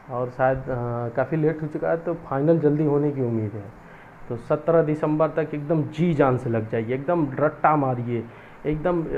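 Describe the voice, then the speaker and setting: Earnest male teacher on tinny audio. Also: medium pitch. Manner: earnest, exhorting, grows loud and scolding. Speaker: coaching teacher. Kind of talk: motivational talk to exam aspirants. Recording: tinny phone-like audio with faint noise.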